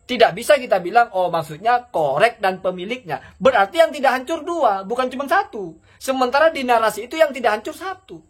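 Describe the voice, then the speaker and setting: A man's voice: very high voice, lively intonation, fairly quick. A man giving a casual spoken rebuttal, reasoning step by step and asking himself rhetorical questions. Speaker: commentator rebutting a preacher. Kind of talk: casual argumentative commentary.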